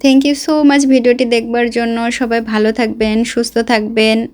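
Woman vlogger, pitched a little high, talks straight to camera and gives practical advice. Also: level tone, measured pace, darkish tone. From Bangladesh. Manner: explanatory, addresses viewers directly with advice. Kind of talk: casual talk to viewers.

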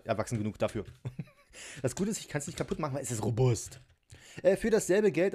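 At a home table filmed from above, a vlogger unpacks and builds a toy set, chatting casually, giggling and being self-mocking. His voice is mid-range and a little mellow.

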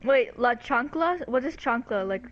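A woman's voice: a little high, expressive, unhurried. Laid-back young woman on lo-fi voice chat. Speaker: gamer. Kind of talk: casual gaming chat. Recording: lo-fi voice chat with faint noise.

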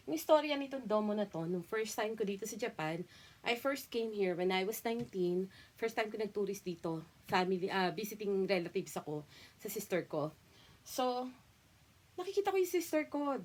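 A young woman with a Filipino accent leads a casual language lesson at a middle pitch. She talks in a chatty, informal way and keeps slowing down to repeat each word for her learners. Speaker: language tutor.

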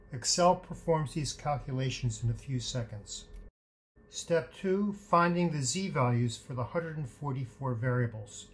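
A man giving scripted instructional narration as a lecturer, deliberately dictating piece by piece. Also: on the high side. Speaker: statistics lecturer. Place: voice-over for slide lecture.

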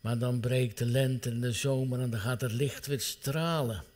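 A man's voice: medium pitch, steady tone, normal speed. Earnest man preaching a sermon. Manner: earnest preaching, drops to a hushed near-whisper at tender moments. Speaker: pastor.

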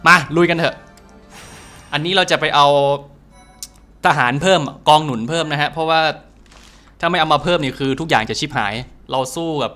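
A man hosting a casual let's-play, chatty and energetic, translating game dialogue and swearing casually. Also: on the high side, moderate pace, long pauses, faint music behind.

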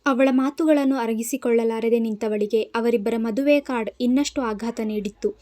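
A woman narrating a dramatic audio story with an expressive, scripted reading. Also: on the high side, normal speed.

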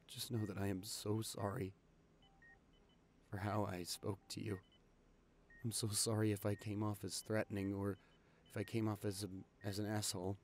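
A young man voicing a caring, anxious boyfriend in an audio role-play, talking softly and reassuringly to his sick partner. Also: fairly low pitch, slight background noise. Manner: soft, soothing, reassuring. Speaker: voice actor reading a listener script.

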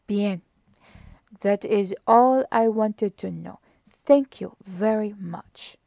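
Woman reading as a fussy older Belgian detective, slow and emphatic, gravelly, dark tone, dry close sound. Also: mid-range voice, no room sound. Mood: probing. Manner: slow, emphatic, louder questioning. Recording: dry close audiobook recording.

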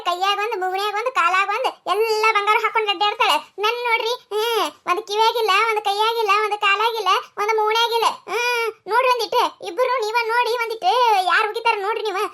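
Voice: extremely high pitch, steady tone, fast talker, few pauses, sharp tone. A performer voicing a sulky, defiant young village daughter-in-law in a cartoon, with a North Karnataka Kannada accent. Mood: whiny. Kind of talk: cartoon comedy voice acting.

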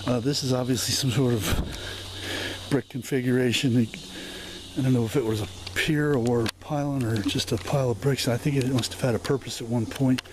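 A man with a mid-pitched voice hosts an amateur video, walking the open grounds of a historic house and narrating off the cuff. He speaks haltingly, full of fillers and self-corrections, and his camera mic picks up steady insect noise outdoors.

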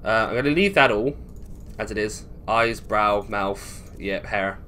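A British man with a fairly low, sharp-toned voice speaks a little slowly. He's hosting a gaming video with casual, rambling playthrough commentary, working things out aloud. Video game music and slight background noise accompany him.

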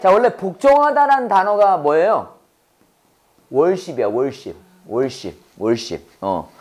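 Brief: Korean-accented woman, lower voice, church English teacher, call-and-response drills, slow English then rapid explanation. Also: very animated, darkish tone. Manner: drills words by repetition, prompting the class to repeat.

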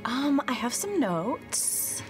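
A woman's voice: high-pitched, sing-song, slow pace, over music. A young woman chatting casually in character as a tabletop game player, peppy and chatty with valley-girl phrasing. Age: young adult. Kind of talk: casual in-character improvised chat. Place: indoor studio set dressed as a tavern.

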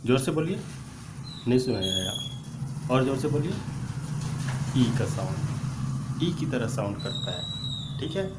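A male spoken English teacher, drilling letter sounds aloud and urging viewers to repeat them loudly. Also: mid-range voice, sing-song, slow pace, long pauses. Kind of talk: online English pronunciation lesson. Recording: echoey room with faint ambient noise.

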